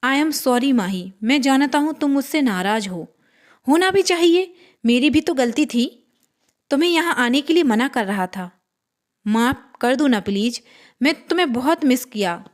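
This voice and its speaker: A woman's voice: high voice, lively intonation, normal speed. A woman voicing a young man who apologizes and pleads with his angry lover in a horror story reading. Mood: pleading.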